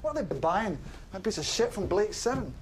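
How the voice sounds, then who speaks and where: A man's voice: high-pitched, very animated, fairly quick, noisy background. An actor playing a foul-mouthed, bullying male government spin doctor who barks orders and swears. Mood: ranting. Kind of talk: TV comedy acting.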